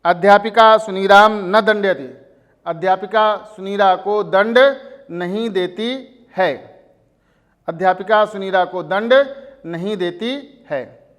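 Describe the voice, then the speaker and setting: A male school teacher giving a recorded lesson, repeating each sentence slowly to translate and explain it. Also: high-pitched, a bit bright.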